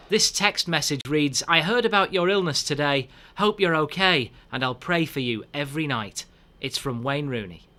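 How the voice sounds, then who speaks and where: A man's voice: high voice, bright, forceful tone. A man presenting and reporting on sport for television, with a polished, upbeat broadcast delivery and light banter.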